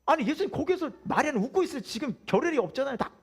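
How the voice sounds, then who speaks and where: A man's voice: extremely high pitch, sing-song, rapid-fire, pitched above the performer's own voice, heavily acted. A pastor voicing an overworked woman who complains that she has to do all the work alone, in a raised, exasperated tone. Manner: exasperated, pleading.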